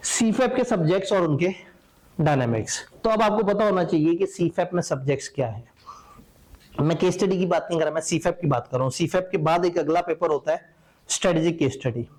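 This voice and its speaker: A man's voice: fairly high pitch, lively intonation, brisk, long pauses, a little mellow. A man lecturing accountancy students in a conversational, wry and opinionated way. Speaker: teacher.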